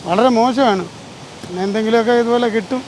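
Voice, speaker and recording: Male fish seller, Kerala Malayalam accent, very high pitch, informal interview replies over faint outdoor noise. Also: fast, a little mellow, rough recording. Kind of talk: casual answers in an on-location interview. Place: outdoor beach fish market.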